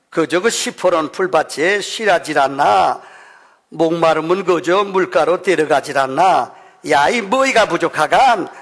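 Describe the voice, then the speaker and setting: A man's voice: fairly high pitch, fairly bright tone. A man doing a homely Pyongan northern man. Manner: homely, questioning dialect. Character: plain-talking Pyongan northern man reciting a psalm. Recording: long church hall reverb.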